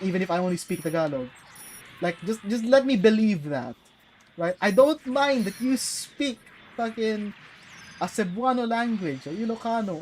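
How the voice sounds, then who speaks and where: A young woman from the Philippines, English her first language, chats loosely as she streams a game, using fillers and casual curses. Her voice is lowish with a darkish tone, and the rough recording carries a little hiss or hum.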